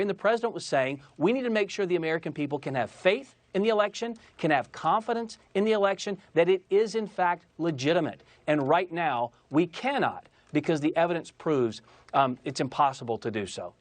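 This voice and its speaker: A political spokesman argues combatively in a TV interview, pushing talking points emphatically and repeating phrases for stress. His voice is fairly high and expressive, fairly quick, recorded dry.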